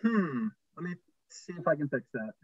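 A man's voice: a little high, big pitch swings, moderate pace, breathy edge, dry recording. Man with muffled, underwater-sounding audio. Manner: plain, step-by-step explaining. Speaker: project presenter at a public meeting. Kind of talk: explaining a plan on a video call. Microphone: computer mic on a video call. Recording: dull, muffled video call audio.

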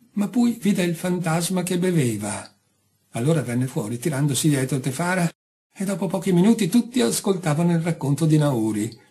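A man reading a short story aloud, calm and measured. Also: mid-range voice, husky. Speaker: audiobook reader. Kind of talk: scripted narration.

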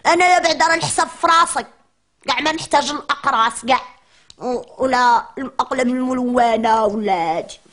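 A woman's voice: sits high, quick pace, a bit bright. A woman with a Moroccan accent playing a chatty, cheeky little preschool girl in a comic monologue, complaining in a whiny childish chatter.

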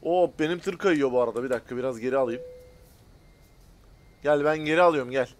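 A man hosting a gaming video, chatting to viewers in casual commentary, excitable and profane as he shouts at other drivers. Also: mid-range voice, quick pace, slight background noise. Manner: talks directly to viewers.

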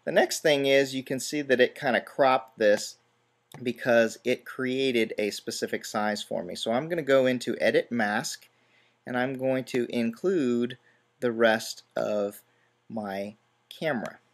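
Man, relaxed tutorial host, walks through steps plainly with dry little asides. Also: mid-range voice, unhurried. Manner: step-by-step, relaxed, self-deprecating asides. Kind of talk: screen-recorded software tutorial.

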